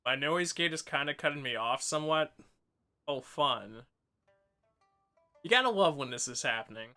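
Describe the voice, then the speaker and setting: A man's voice: on the high side, expressive, normal speed, pushed and bright, faint music behind. A man giving casual commentary on a game he is playing, his microphone's noise gate chopping off the ends of his words. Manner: chatty, rambling with fillers. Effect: noise gate clipping word endings, choppy cut-off sound. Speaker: gamer commenting on play. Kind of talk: casual let's-play commentary. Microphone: home streaming microphone.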